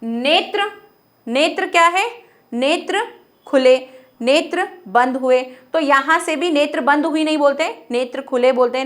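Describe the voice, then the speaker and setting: Woman teacher w a high voice, grammar lesson, keeps asking stuff n answering it herself. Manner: asks questions and answers them herself, repeats example phrases. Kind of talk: classroom-style grammar lesson.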